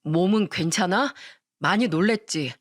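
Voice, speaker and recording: A woman's voice: lowish voice, a little slow, no room sound, studio quality. A woman voicing a protective young husband. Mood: tender. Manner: firm with his mother, tender with his wife.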